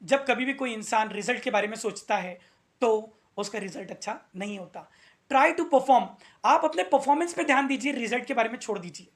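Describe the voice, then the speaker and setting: A man's voice: very high voice, brisk. Earnest male teacher repeating key points. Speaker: English teacher. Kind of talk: motivational video lesson.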